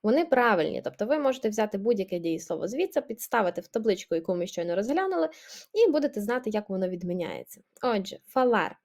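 A woman's voice: medium pitch, sing-song, quick pace, gravelly, darkish tone. A woman teaching a language lesson, explaining grammar patiently and checking in with her listeners.

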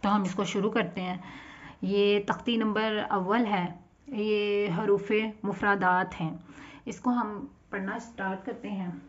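Slow, patient woman teaching letter sounds. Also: mid-range voice, steady tone. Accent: Pakistani Urdu. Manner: patient, repeats each sound and explains mouth position. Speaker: teacher of Quran reading for children. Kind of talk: slow spoken lesson, drawing out letter sounds. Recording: dull lo-fi sound.

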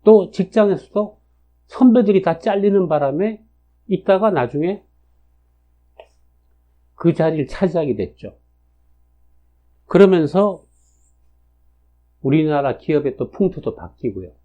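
Lively-voiced man in his sixties, lecturing. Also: a little high, measured pace, pauses often. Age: 60s. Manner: chatty, with frequent fillers and tag questions. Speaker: lecturer on national fortune cycles. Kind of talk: casual spoken lecture. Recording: dull lo-fi recording.

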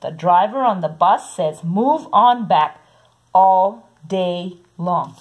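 A woman reads a children's book in an unhurried, sing-song manner. Her voice is a little breathy and soft-edged. She says the repeated sound words quietly and keeps an easy, steady rhythm. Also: lowish voice. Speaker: storybook reader. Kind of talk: reading a picture book aloud.

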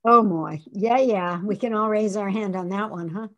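A woman's voice: mid-range voice, normal speed, highs cut off. A woman hosting a radio interview, affirming and responsive, often murmuring agreement as her guest speaks. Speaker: radio show host.

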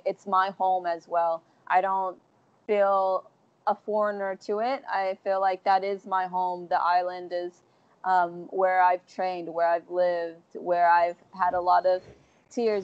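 Guest in her twenties, fairly low voice for a woman, chatty, lots of fillers, muffled call audio. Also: clear, resonant tone. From Texas, USA. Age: 20s. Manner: chatty, many fillers and restarts. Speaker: interview guest, athlete. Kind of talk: casual video-call interview. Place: large indoor gym hall. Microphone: earphone mic on video call. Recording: dull lo-fi video call audio.

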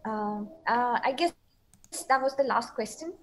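A woman's voice: on the high side, measured pace, poor audio. A woman moderating a talk, thanking the speaker in a hesitant way with many fillers. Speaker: host moderator. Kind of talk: closing remarks.

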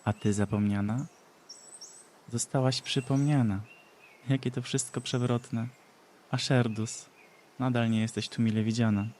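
A man voicing a cruel, mocking mad sorceress who speaks slowly and taunts in a sing-song way, for a storybook reading. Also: medium pitch, fairly even intonation, darkish tone, a little hiss or hum, lightly acted. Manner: slow, taunting, sing-song with cackling laughs.

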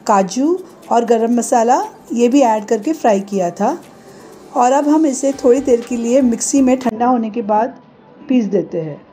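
A woman giving calm, step-by-step voice-over cooking instructions as host of a home cooking show. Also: fairly high pitch.

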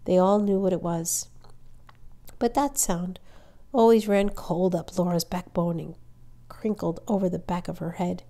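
A woman reading a children's novel aloud as a storyteller, with measured, expressive narration. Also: on the low side.

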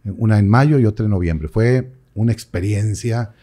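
Animated priest, mellow voice. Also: male voice, on the low side, moderate pace. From Mexico. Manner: animated storyteller, acts out quoted voices. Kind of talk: casual interview chat.

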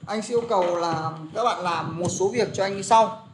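A man's voice: sits high, normal speed. A young man teaching an English lesson, explaining pronunciation and drilling words aloud, with frequent fillers. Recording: faint background noise and clicks.

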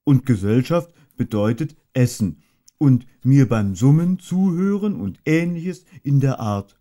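A man voicing a simple, good-natured, honey-loving male bear in a storybook reading, with a slow, hummy, deliberate way of talking. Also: mid-range voice, lively intonation, mellow, pitched above the performer's own voice, natural voice. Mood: cheerful, slow. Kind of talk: audiobook character voice.

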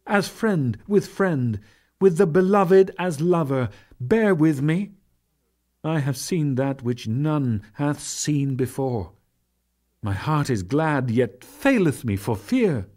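This man's voice is a little high with a darkish tone as he portrays a reverent, awestruck warrior. He reads scripture dramatically, pleading with fervor and pausing for declamatory effect.

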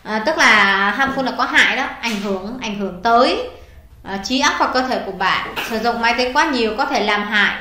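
A high, bright woman's voice with a Vietnamese accent, patiently quizzing a student through an English test. She prompts each answer, confirms it and explains the grammar. The sound is echoey, as if recorded in a bare room. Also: a little fast, slight background noise. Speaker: English tutor. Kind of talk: one-on-one tutoring, going through a test.

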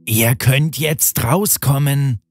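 A man's voice: medium pitch, slow, music in the background, natural voice. A man playing a scheming, commanding robber captain in a cartoon fairy tale, speaking with deliberation.

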